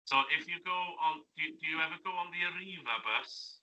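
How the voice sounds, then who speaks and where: Bright-voiced man, chatty. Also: on the high side, brisk, low-quality recording. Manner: friendly, chatty, asks lots of tag questions. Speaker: guest. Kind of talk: casual interview chat. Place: classroom radio studio.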